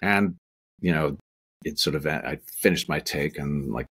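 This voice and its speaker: Very deep, husky, and unhurried, this middle-aged actor's voice also has a fairly bright tone. He is a guest in a casual interview over video call from a small home room, telling rambling tales with many restarts and asides through his webcam.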